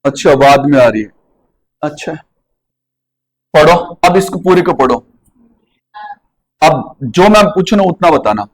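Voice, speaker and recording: A man's voice: fairly high pitch, lively intonation, unhurried, long pauses, a little hiss or hum, rough recording. A man with a Rajasthani Hindi accent teaching a class. He keeps asking students questions and drills their pronunciation.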